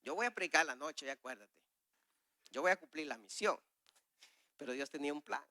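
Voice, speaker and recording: A man preaching a sermon with a personal testimony, swinging between loud, urgent exhortation and hushed, confessional asides as he acts out conversations. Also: a little high, brisk, no echo, clean studio sound. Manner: acts out dialogues with God and others.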